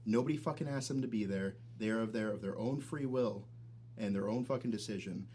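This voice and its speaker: A man's voice: fairly low pitch, a little fast, warm tone, slight background noise. A man, a military veteran and podcast guest, chatting casually and bluntly with heavy swearing. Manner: profane, blunt. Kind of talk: casual chat.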